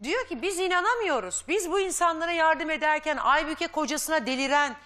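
Female talk show host, high and lively, confronting and lecturing guests. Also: fairly quick. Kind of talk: live daytime talk show.

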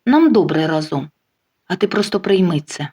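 A woman's voice: on the low side, lively intonation, normal speed, dark tone, slightly rough. A smug, blustering husband in an audio story, voiced by a woman narrator. He talks big and sure of himself, then turns flustered and pleading when cornered. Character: self-assured middle-aged man leaving his wife.

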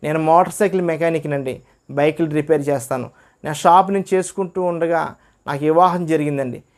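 A man's voice: on the high side, brisk, darkish tone. A man telling his personal religious testimony, acting out what others said. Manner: earnest storytelling, acts out quoted dialogue. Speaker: testimony speaker.

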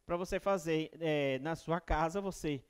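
A man's voice: on the high side, unhurried, clear, resonant tone. A man in his forties teaching a class in a classroom, speaking with a northeastern Brazilian accent into a headset mic. He explains step by step and often repeats a phrase as a teaching pattern. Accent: Brazilian Portuguese, northeastern. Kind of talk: recorded classroom lesson. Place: classroom with whiteboard.

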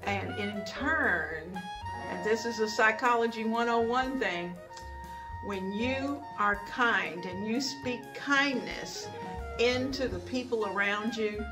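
Speaking slowly in a voice on the high side, an older woman hosts a cooking vlog from her home kitchen and dining room, with music behind her. She chats casually, giving homespun tips and adding thankful asides.

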